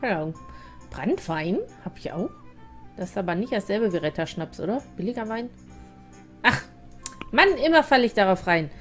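A woman's voice: medium pitch, lively intonation, normal speed, long pauses. A German woman chatting playfully over her gameplay, talking to the characters, with game music behind. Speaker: let's play host. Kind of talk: casual gameplay commentary.

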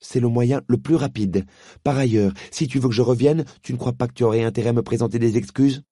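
A man voicing a spirited young girl who talks sarcastically and quickly. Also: mid-range voice, dark tone, no echo, studio quality, voice pushed up, natural voice. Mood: indignant. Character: spirited young London girl, sharp-tongued.

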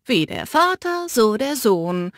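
A man's voice: high voice, expressive, unhurried, fairly bright tone, no echo. A woman voicing a cocky, grinning young man who teases and declaims theatrically in an audiobook. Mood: mocking. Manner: teasing, theatrical, flippant.

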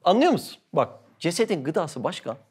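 A man giving an animated religious sermon talk, full of rhetorical questions and exclamations. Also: fairly high pitch, normal speed, breathy edge.

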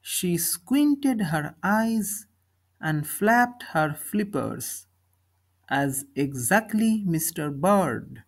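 A woman reading a children's story slowly, speaking each line and then its translation. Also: on the low side, sing-song. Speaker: narrator of a bilingual story. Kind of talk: slow storybook reading in German and English.

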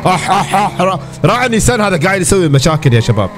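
Excitable gamer guy. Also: sits high, racing, background noise. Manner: excitable, exclamatory, talks to viewers. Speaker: gaming streamer. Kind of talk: casual gameplay commentary.

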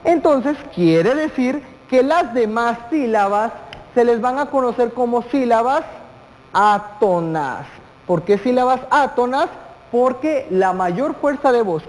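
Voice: mid-range voice, a little mellow. A teacher giving a televised classroom lesson, speaking straight to the students, posing questions and stretching out key words. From Guatemala. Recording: long hall reverb.

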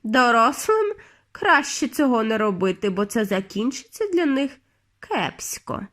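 A woman's voice: on the high side, very animated, unhurried, a bit bright. A woman voicing a cruel, commanding female witch leader who barks orders in a storybook reading. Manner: imperious, barking orders.

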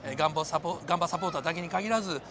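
Fast-talking middle-aged businessman. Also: a little high. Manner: eager, hesitant with many fillers. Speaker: company president, sponsor guest. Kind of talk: street interview. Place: outdoors on a busy city street. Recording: street noise behind.

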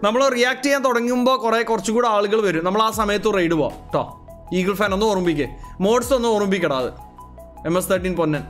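High-voiced chatty male streamer. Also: fast talker, a bit bright, faint music behind. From Kerala, India. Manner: chatty, greets viewers and answers chat, calls them bro. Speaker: live streamer. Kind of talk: casual live-stream chat. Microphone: calibrated streaming mic.

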